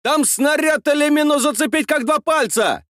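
A man's voice: very high-pitched, normal speed, a bit bright, no room sound, studio quality, voice pushed up. A man voicing a hot-tempered village tractor driver with rustic, indignant speech.

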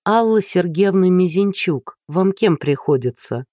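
A woman's voice: fairly low pitch, measured pace, no echo, studio quality. A reader doing a tactful, firm woman police captain. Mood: steady. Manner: calm, delicate, firm.

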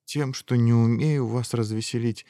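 A man's voice: medium pitch, steady tone, normal speed, mellow, no room sound, studio quality, voice pushed up, close to an everyday voice. A man voicing a tearful, self-pitying young prince in a storybook, whiny and plaintive.

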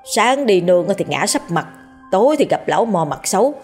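A woman's voice: mid-range voice, big pitch swings, moderate pace, darkish tone, soft background music, lightly acted. A woman doing a whiny timid young villager. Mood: grumbling. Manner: whiny and pleading. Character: timid young village man, grumbling and pleading.

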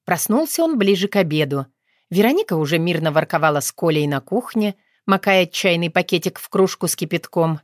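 A woman reading a novel aloud as audiobook narrator, measured and unhurried. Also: on the low side, lively intonation, no echo, studio quality. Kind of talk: scripted narration.

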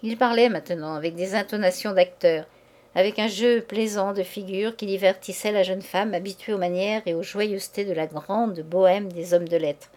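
A woman narrating a classic novel as an audiobook reader. Her reading is measured and expressive, shaping each phrase with care. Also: mid-range voice.

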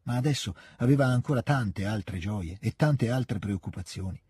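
A man narrating a classic novel in an audiobook, with a steady, expressive reading into a close studio mic. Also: on the low side, moderate pace, slightly rough. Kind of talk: scripted literary narration.

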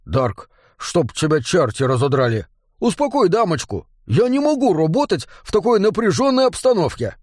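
A man voicing a gruff, short-tempered male dwarf in an audiobook, blustering and crude. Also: high voice, sing-song, moderate pace, darkish tone, no room sound, studio quality, voice pushed up.

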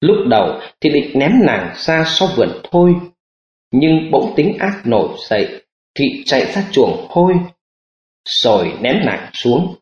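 A man narrating an audiobook in an expressive storytelling manner. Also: mid-range voice, measured pace. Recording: roomy lo-fi audiobook recording.

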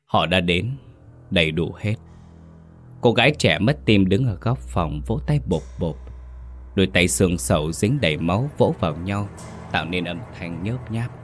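Deep-voiced man narrating horror. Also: animated, faint music behind. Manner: dramatic, measured storytelling.

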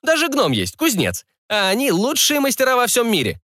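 A man putting on a shrill fawning market barker. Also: huge pitch swings, normal speed, pushed and bright, dry recording, clean studio sound, exaggerated voice. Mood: wheedling. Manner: wheedling, shrill and pushy. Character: skinny fawning male slave-market barker. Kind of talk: audiobook character voice.

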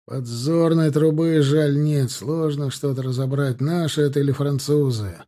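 A stern cavalry officer, as a man plays him barking curt orders in a dark, mellow voice. It is a storybook reading, close to the reader's own tone. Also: fairly high pitch, fairly even intonation, unhurried, lightly acted. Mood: commanding.

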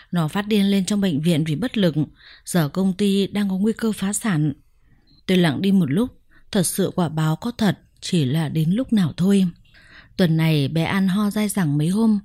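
A woman narrating a first-person story in a measured, reflective way. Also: on the low side, warm tone, no echo, clean studio sound.

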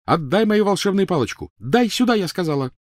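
A man voicing a furious teenage girl witch who shouts, shrieks and mocks with biting sarcasm. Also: high-pitched, sing-song, brisk, dry recording, clean studio sound, voice pushed up.

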